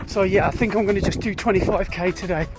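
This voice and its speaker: Weary British male running vlogger, higher-pitched, candid and chatty, music in the background. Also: steady tone, quick pace. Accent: British English. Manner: chatty, candid, self-deprecating. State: tired and dizzy mid-run. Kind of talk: casual vlog narration.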